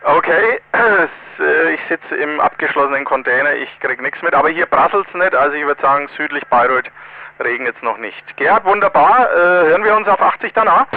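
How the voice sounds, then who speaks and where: A man chatting casually as he runs an amateur radio check-in over walkie-talkie, in brisk, clipped radio procedure talk. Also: fairly high pitch, lively intonation, dry recording. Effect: two-way radio, walkie-talkie. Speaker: amateur radio net controller. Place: closed container. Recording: narrow, tinny walkie-talkie radio sound.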